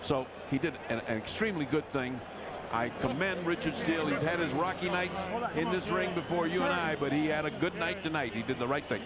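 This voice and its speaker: A man's voice: on the high side, a little fast, over a noisy crowd. A man giving live boxing commentary and analysis, emphatic and opinionated, repeating phrases for effect. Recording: phone-like broadcast, loud arena noise.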